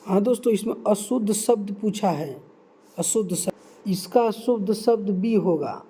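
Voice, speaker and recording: A young man tutoring for an exam, reading out answer options slowly and repeating key words for emphasis. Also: high-pitched, dark tone. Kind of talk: quiz-style teaching.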